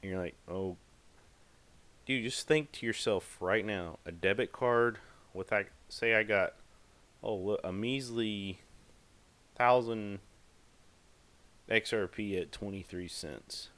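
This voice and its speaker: A man's voice: fairly low pitch, slow, pauses often, fairly bright tone. A man hosting a podcast, talking casually in a rambling, emphatic way with lots of fillers. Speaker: podcast host. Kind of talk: casual monologue.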